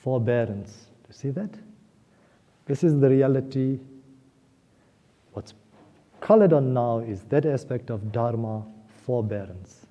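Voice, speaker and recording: Recorded in dull lo-fi within a reverberant temple hall, a male guest speaker delivers a sincere spiritual talk, narrating a story and having the audience say key words back. He speaks at a measured pace with frequent pauses, in a dark, medium-pitched voice.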